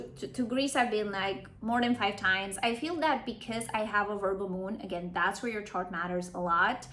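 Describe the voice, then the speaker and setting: A woman's voice: mid-range voice, fairly bright tone, slight background noise. A woman in her late twenties from Romania, an astrologer talking through her travels in a chatty vlog, often checking in with "right?". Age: late 20s. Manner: chatty, explains terms with tag questions. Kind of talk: casual explanatory vlog.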